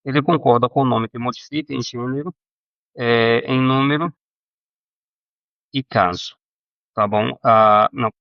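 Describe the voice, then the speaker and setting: A man teaching a recorded Greek grammar lesson, halting with fillers and self-corrections and often checking in with his students. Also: medium pitch, steady tone, creaky, dry recording, muffled recording.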